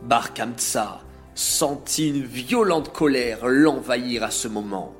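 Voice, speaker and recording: A man narrating a religious story in a measured, expressive reading voice. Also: medium pitch. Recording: faint music behind.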